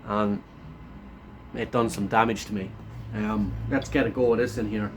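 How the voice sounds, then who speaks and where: A man chatting casually to camera as a food reviewer, laid-back and blokey, his voice thick and hoarse from a sore throat and sounding run down. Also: on the low side, fairly even intonation, moderate pace, a little hiss or hum. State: run down after a chest infection.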